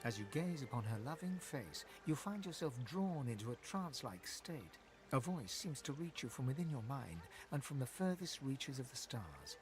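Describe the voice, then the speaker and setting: A man playing a solemn, poetic storyteller, narrating a fantasy video game in a measured, literary way. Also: medium pitch, very animated, over music, close to an everyday voice, rough recording.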